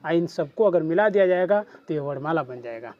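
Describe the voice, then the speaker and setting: A man's voice: on the high side, lively intonation, fairly quick, muffled recording. A man with a Bhojpuri accent teaching a class, who keeps asking questions back to his students. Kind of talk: classroom lesson.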